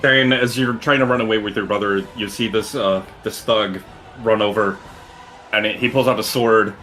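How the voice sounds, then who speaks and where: A man narrating a tabletop game as game master, telling the story in a halting, descriptive way. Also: fairly low pitch, fairly even intonation, bright, forceful tone, poor audio. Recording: faint music behind. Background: music.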